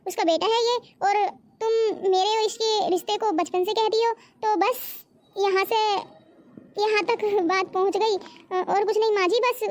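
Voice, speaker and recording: A sweet young daughter in a comic cartoon, voiced by a woman, coaxing and pleading. Her voice is very high and girlish. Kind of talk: cartoon voice acting.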